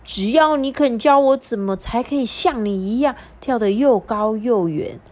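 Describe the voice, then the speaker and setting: An excitable little boy kangaroo, as a woman storyteller puts him on, with a high, squeaky voice that sits well above her own. He talks in bouncy, pleading bursts and repeats himself eagerly. It is a storybook voice pitched for children. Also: moderate pace, close to an everyday voice.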